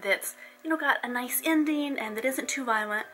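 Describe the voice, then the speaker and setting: A woman's voice: high-pitched, moderate pace, bright, forceful tone, a little hiss or hum. A young woman, an author and host, chatting casually to her viewers in a bubbly way. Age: young adult. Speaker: romance author and channel host. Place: small indoor room, on a sofa.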